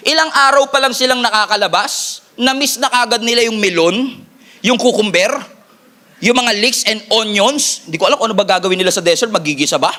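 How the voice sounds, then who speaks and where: Bright, high-voiced male preacher. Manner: animated preaching with jokes and call-and-response; repeats key lines for emphasis. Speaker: pastor. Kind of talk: sermon.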